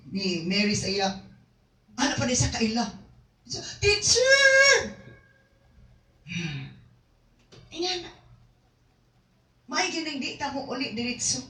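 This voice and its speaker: Woman preacher, higher voice, roomy sound. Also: pushed and bright. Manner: mixes Cebuano and English, reads verses aloud then explains. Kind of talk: sermon. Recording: echoey room, mic at a distance.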